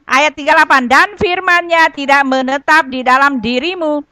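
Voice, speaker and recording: A woman's voice: high-pitched, steady tone, fairly quick, pushed and bright, no room sound, clean studio sound. A woman answering a question in an online debate, reading and explaining verses earnestly. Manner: earnest, explaining, repeats "Pak" and "gitu loh".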